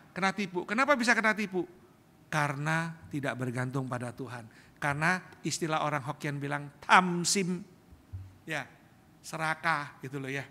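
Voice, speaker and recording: High, bright-voiced preacher in echoing church. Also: male voice. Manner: storytelling, animated, addresses congregation as "saudara". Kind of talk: sermon. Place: large church hall. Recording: reverberant church hall.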